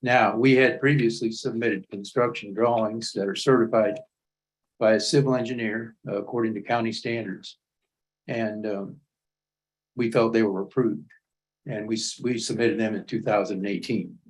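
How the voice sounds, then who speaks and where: A man making a public comment at a county meeting, halting and repeating words as he builds his point. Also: lowish voice, steady tone, low-quality recording.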